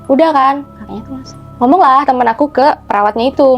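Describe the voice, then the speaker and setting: A woman telling a ghost story in casual chat, animated and acting out the voices of the people in it. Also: sits high, quick pace, muffled recording, soft background music. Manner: animated, acts out quoted voices, keeps saying "gitu". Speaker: guest telling ghost stories.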